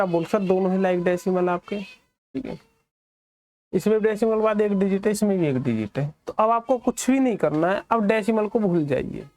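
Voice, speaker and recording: A male maths teacher with an Indian accent. He asks the class questions and answers them himself, dropping lower and softer on the students' replies.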